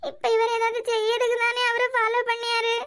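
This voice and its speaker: A woman voicing a tearful, worried young woman in a cartoon, speaking softly with a Kanyakumari Tamil accent. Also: very high voice, monotone, a little fast. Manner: soft, tearful. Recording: loud background noise.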